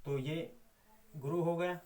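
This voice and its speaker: A middle-aged male teacher with a slightly raised pitch, walking students through verse meter in a recorded lesson. He explains patiently and step by step, counting syllables one by one and chanting sample lines slowly. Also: fairly even intonation, darkish tone, slight background noise. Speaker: Sanskrit teacher. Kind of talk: online exam-prep lesson.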